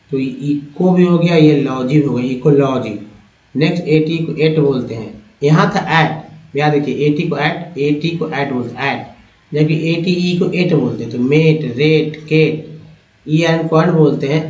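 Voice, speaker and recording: A man's voice: on the high side, darkish tone, recorded from a distance. Man teaching phonics in a roomy echo. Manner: explains spelling patterns slowly, repeating words. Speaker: English teacher. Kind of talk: phonics lesson. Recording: dull roomy sound from off-mic.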